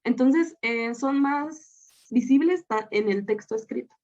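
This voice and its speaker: A woman from Guatemala teaches a recorded lesson over slides, her voice set a little high. She explains step by step, often pausing on fillers and restarting her sentences. The audio is slightly dull and lo-fi. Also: a little mellow. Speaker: student teacher.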